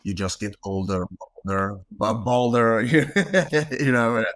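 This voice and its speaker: In a casual interview chat, a young street photographer from the Netherlands speaks slowly yet animatedly, his mid-range voice a bit bright. He fills his talk with fillers and restarts. The clean studio recording has no room sound.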